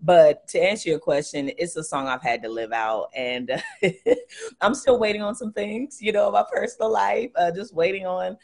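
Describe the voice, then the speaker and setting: A woman's voice: fairly low pitch, sing-song, moderate pace, creaky. A young woman, a worship singer, talking earnestly as a guest in a faith interview, laughing often between thoughts. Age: young adult. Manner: earnest, laughs often, many restarts and fillers.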